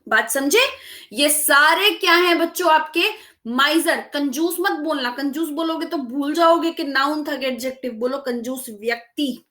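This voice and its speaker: A woman English grammar teacher giving a lively classroom lesson, scolding and asking students to repeat answers. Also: high voice, a little slow, reverberant.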